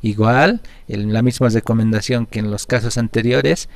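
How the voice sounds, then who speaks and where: A man teaching Aymara pronunciation, slow and careful, repeating each word for his learners. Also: on the low side, fairly even intonation. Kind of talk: pronunciation lesson.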